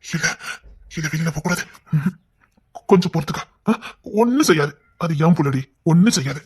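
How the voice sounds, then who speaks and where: A woman voicing a young husband who is gentle and coaxing with his pregnant wife, in an amateur audio drama. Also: sits low, lively intonation, a little fast, slightly rough. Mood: anxious. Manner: gentle and coaxing, turning frantic. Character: young husband, tender and anxious.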